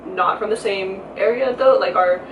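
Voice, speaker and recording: A young woman guest chatting casually and relaxed, often saying "um" and "like.". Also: medium pitch, normal speed, dull audio. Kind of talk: casual chat. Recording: echoey room, mic at a distance, background hiss.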